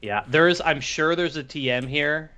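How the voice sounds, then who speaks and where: A man's voice: fairly high pitch, moderate pace, clear, resonant tone. A man co-hosting a podcast, chatting casually and thinking aloud while he plays a video game on stream. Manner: relaxed, thinks aloud with restarts. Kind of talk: casual gaming chat.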